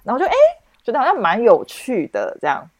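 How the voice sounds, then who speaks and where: A young woman, hosting a podcast and telling a story in casual, expressive chat. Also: a little high, a little fast, dry recording. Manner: animated, expressive, lots of restarts and exclamations. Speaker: podcast host.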